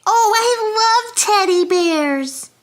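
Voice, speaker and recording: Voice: very high-pitched, lively intonation, extremely slow, full character voice. A performer voicing a sweet but violently bratty little girl in a comic audio drama. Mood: excited.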